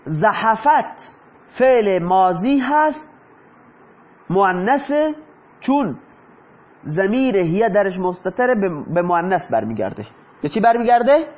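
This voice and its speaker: A high-pitched male teacher explains grammar step by step. He keeps posing questions to the class and answering them himself. The recording sounds dull and lo-fi. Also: very animated, pauses often. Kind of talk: explaining lesson in Persian.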